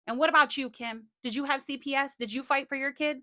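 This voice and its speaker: A woman's voice: high-pitched, fairly even intonation, fast talker, sharp tone, no echo, studio quality. A woman giving confrontational live commentary, sarcastic and scolding, with plenty of swearing. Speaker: streamer commenting on a livestream feud.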